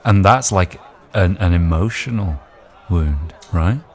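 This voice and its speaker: A man's voice: sits low, slow pace. A man playing a tabletop game, joking and rambling with stammered restarts. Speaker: player. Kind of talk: casual tabletop play.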